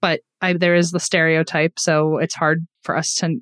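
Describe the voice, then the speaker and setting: A woman's voice: low voice, little pitch movement, normal speed, fairly bright tone, no room sound, clean studio sound. A woman co-hosting a podcast, telling a story in a casual, chatty way and often laughing at herself. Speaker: podcast co-host.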